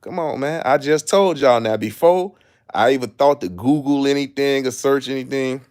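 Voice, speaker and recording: A man's voice: mid-range voice, moderate pace, darkish tone. A man with a Chicago accent hosting a live stream, ranting in a boastful, profane, streetwise way while he reads things out. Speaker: livestream host. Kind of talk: casual live commentary.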